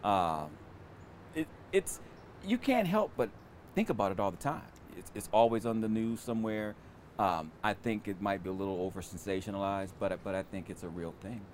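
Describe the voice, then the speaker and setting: A man's voice: fairly low pitch, animated, normal speed, slight background noise. A man in his fifties chatting casually as an interview guest, recorded outdoors in a backyard. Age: 50s. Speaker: interview guest, news director.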